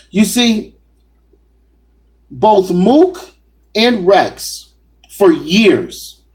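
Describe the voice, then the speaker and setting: A rough recording captures a man with a high-pitched but darkish voice. He talks straight to his viewers with assertive, combative opinions about battle rap.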